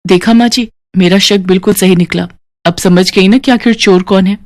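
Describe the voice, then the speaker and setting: A woman doing a sharp young sister-in-law. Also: mid-range voice, fairly even intonation, moderate pace, close to an everyday voice. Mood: accusing.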